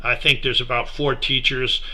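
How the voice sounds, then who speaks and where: A middle-aged man giving a relaxed, unhurried slideshow talk about a mission project, with many fillers. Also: medium pitch. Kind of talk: casual slideshow presentation.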